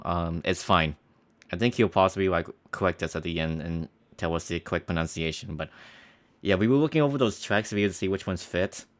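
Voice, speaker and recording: Young guy, lowish voice, rambly commentary, keeps restarting and chuckling. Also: a bit bright. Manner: rambling, with many restarts and small laughs. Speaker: creator giving commentary on his old school video. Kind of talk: casual developer commentary.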